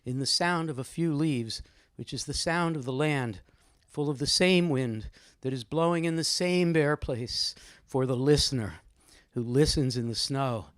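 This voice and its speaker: A medium-pitched voice with studio quality and no echo belongs to a host moderating informally at a live gathering in an indoor room. The talk is conversational and teasing, people are called on by name, and poetry gets read along the way.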